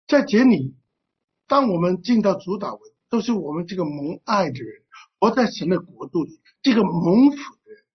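A pastor preaching a sermon with fervor, often clearing the throat and filling pauses with "ah". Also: medium pitch. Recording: dull lo-fi recording.

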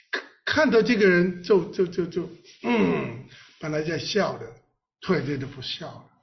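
Lively, slow-paced man preaching a sermon. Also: high-pitched. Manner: lively, playful preaching with laughs and rhetorical questions; reads scripture aloud with the congregation. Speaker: pastor. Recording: dull lo-fi recording.

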